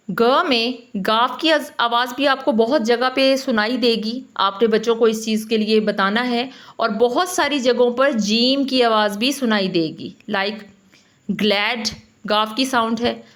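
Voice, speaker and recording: Woman w/ teaching letter sounds, slow, repeats sounds over and over, kinda high voice. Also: fairly bright tone. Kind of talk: phonics lesson for teachers.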